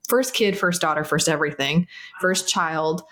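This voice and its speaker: A woman from South Florida, a founder guesting on a podcast, talking in a candid, animated way and laughing often. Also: deep voice, moderate pace. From South Florida, United States. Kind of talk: casual podcast interview.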